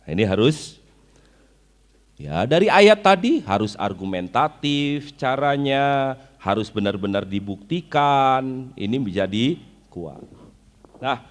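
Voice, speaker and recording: A man from Indonesia teaching a religious study lecture at a mid pitch. He explains point by point, stops to recite Arabic verses and puts questions to the listeners. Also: lively intonation, slow, long pauses. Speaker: Islamic preacher. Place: weekly study gathering.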